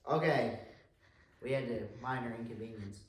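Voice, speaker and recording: A man's voice: mid-range voice, normal speed. Casual male co-host, rambling and unpolished, very roomy echo. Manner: rambling, restarts, searching for words. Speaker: podcast co-host. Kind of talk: casual podcast chat. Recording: very echoey room with faint noise.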